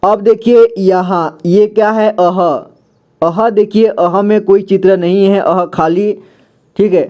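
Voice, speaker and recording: A man's voice: high-pitched, steady tone, muffled recording. A man teaching a beginner's alphabet lesson. He explains each letter and picture patiently and often checks back with the listener. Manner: patient, repeats "theek hai" often, drawn-out sounds. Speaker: Hindi teacher.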